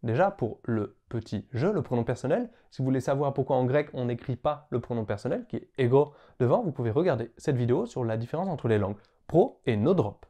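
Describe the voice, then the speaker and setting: A man's voice: medium pitch, lively intonation, brisk, hardly any pauses, dark tone. A man teaching word origins as a video host, playful and sounding out example words. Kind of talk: explaining language history to camera.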